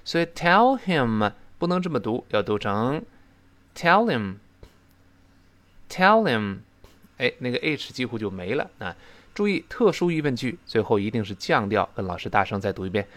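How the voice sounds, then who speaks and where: Male English teacher, lively up-and-down delivery, mid pitch, repeats phrases slowly for students. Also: no room sound. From China. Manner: animated, repeats model phrases slowly for drill. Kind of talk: spoken English lesson, explaining pronunciation.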